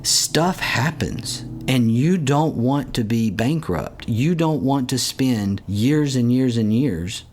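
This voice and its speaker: A man's voice: mid-range voice, expressive, takes it slowly, few pauses, a little mellow. A man co-hosting a business podcast, talking in an emphatic, playful, slightly preachy way. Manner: emphatic, preachy about insurance, playful jokes. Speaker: podcast co-host. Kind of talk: casual podcast chat.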